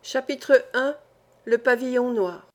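A woman narrating an audiobook of a classic novel in a steady, clear reading voice. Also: fairly high pitch, slow pace.

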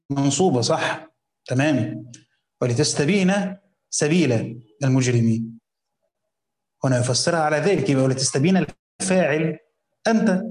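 A man with an Egyptian accent teaches from a classical commentary, reading passages carefully and breaking into relaxed colloquial notes. His voice sits a little high and sounds warm and mellow. The room gives it a noticeable echo. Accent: Egyptian Arabic. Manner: reads classical text slowly, then explains in colloquial asides.

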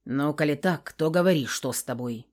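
A woman voicing a gruff, hot-tempered middle-aged father who grumbles and bursts into roaring shouts, in an audiobook. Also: sits low, animated, normal speed. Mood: grumbling.

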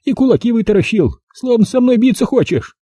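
A man voicing a feisty, sharp-tongued old village woman in an audiobook, scolding in a brusque rustic way. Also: very high-pitched, animated, a little fast, husky, no room sound, studio quality, voice pushed up, exaggerated voice. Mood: chiding. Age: older.

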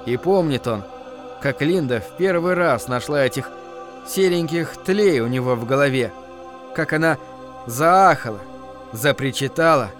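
A man narrating an audiobook in measured, short phrases. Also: medium pitch, animated. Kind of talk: scripted literary narration. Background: faint background music.

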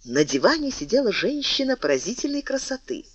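A man narrates a classic novel in a measured, expressive audiobook reading. His fairly high voice moves in a lively way. The recording is dry, dull and lo-fi. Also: dry recording. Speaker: audiobook reader.

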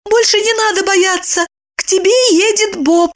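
A woman voicing a theatrical, cunning young wife with a high, whiny, melodramatic voice. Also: lively intonation, moderate pace, fairly bright tone. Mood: pleased.

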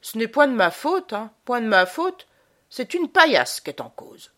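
A woman's voice: fairly high pitch, sing-song, normal speed, sharp tone, voice pushed up. A woman voicing a sly, whining drunk old peasant man from a storybook, with slurred, stammering speech. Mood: sheepish.

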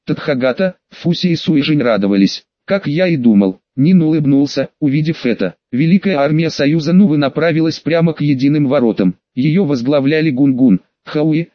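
A male audiobook narrator with a slightly high voice, reading in a steady, measured way. The recording sounds muffled and lo-fi, very dry and close with no room echo. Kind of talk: scripted narration. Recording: dull, dry studio recording.

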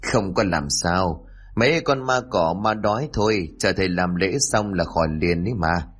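A man's voice: deep voice, moderate pace, fairly bright tone, husky. A man voicing a scheming male village healer who first soothes and then threatens a grieving mother. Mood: reassuring.

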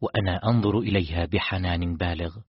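A man narrating a novel in the first person in a measured, somber tone. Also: low voice, slightly rough, no room sound. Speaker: audiobook narrator. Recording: dull lo-fi dry recording.

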